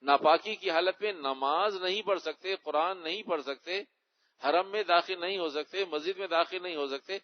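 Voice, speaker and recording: A man, an Islamic scholar, answering audience questions in a religious Q&A lecture, explaining rulings and repeating key words for emphasis. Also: high voice. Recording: dull lo-fi recording.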